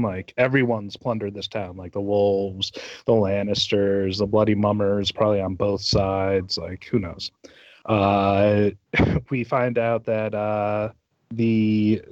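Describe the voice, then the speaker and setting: A man's voice: darkish tone, no echo. A man co-hosting a book podcast, giving a loose, swearing, rambling chapter summary. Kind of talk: casual book discussion. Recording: muffled dry low-fi audio.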